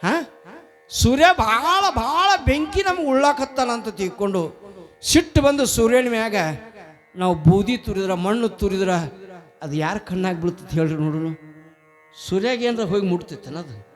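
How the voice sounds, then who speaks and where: Animated high-voiced male storyteller. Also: normal speed, soft background music. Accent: North Karnataka Kannada. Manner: animated, voices characters in quotes. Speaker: religious storyteller. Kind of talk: devotional discourse storytelling.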